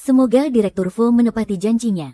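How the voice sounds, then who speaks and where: Casting: actress for proud, wronged young working woman in drama dub, soft-toned, dry studio sound, earnest restraint. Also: fairly high pitch, fast talker, dry recording, natural voice. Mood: hurt, resigned. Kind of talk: dubbed modern romance drama.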